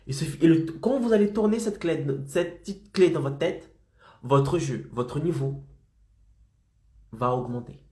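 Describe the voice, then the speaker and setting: On the high side but dark in tone, an unhurried man coaches freelancers in a motivational stream from a roomy-sounding space, a mild head cold in his voice. He insists on engagement, checking in again and again with "d'accord?" and "ok?".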